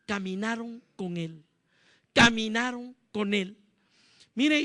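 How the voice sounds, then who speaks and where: A man's voice: very high-pitched, creaky, bright, forceful tone, no room sound, studio quality. A man preaching a sermon as pastor, emphatic and often asking the congregation questions.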